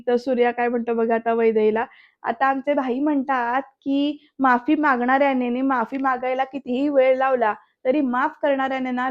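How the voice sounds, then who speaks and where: A woman gives a voice-over recap of a TV serial episode, speaking straight to her viewers. Her voice sits high and stays fairly level. She reads the characters' dialogue aloud without much change in her tone. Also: dull audio. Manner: retells scenes, addressing viewers directly; reads characters' dialogue in quotes, mostly plainly.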